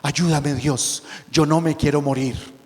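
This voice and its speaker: A man voicing a desperate atheist male climber who shouts and pleads in terror. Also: fairly high pitch, steady tone, takes it slowly, big-room sound. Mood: begging.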